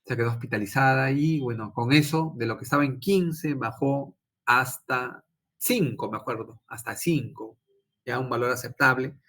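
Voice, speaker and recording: A young adult man lectures a physiology class in an easygoing, conversational way. He keeps quizzing his students and tags many phrases with a questioning "¿no?". His voice sits at an ordinary, middle pitch for a man. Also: moderate pace, fairly bright tone. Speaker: physiology lecturer and intensive care doctor. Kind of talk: informal lecture with personal anecdote.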